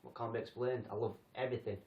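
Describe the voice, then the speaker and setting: Speaking quickly in a steady, mid-range voice, the English host of a paranormal group rambles through a casual livestream, joking at his own expense. He's captured from a distance with a roomy, dull sound.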